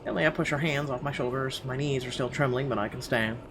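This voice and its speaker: Reading a horror visual novel's narration for a gaming video, a man speaks quickly in a mid-range, slightly bright voice, dramatic and suspenseful with emphatic phrasing. There's game music in the background and a little hiss or hum.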